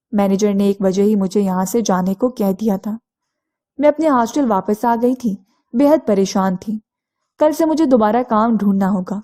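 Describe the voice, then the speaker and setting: A woman telling a first-person story in a steady, earnest scripted reading. Her voice is mellow and warm, at a middle pitch for a woman.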